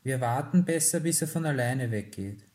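A man's voice: medium pitch, lively intonation, moderate pace, a little mellow, close to an everyday voice. A man playing a prim, easily shocked upper-class mother in a read-aloud story.

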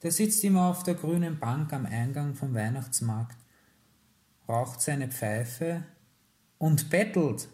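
Brief: curt, indignant upper-class father in a storybook, slow and stiff, a male narrator voicing him. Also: mid-range voice, lively intonation, warm tone, natural voice. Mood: stern. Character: stern proper father of an upper-class family.

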